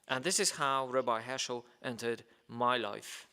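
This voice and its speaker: Reading a guest's letter at a ceremony, a hesitant man delivers this formal speech with many fillers and trips over names. His voice sits at medium pitch, measured in pace, pushed, bright and smooth, echoing with the long reverb of a large hall.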